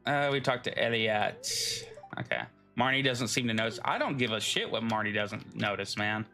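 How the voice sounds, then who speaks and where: A man's voice: on the low side, expressive, normal speed, pushed and bright, soft background music. A man streaming a video game, chatting casually with loose, joking, profane asides. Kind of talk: casual gameplay commentary.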